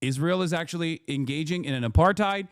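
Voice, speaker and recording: A man's voice: fairly high pitch, fairly quick, clear, resonant tone, dry recording, clean studio sound. Heated, profane male streamer. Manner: heated, emphatic, profane, repeats points. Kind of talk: live stream commentary.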